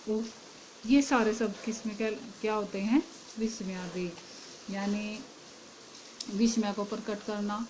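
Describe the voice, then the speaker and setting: A woman's voice: mid-range voice, a little mellow, slight background noise, poor audio. A woman teaching a Hindi grammar lesson, asking her class questions and then answering them herself.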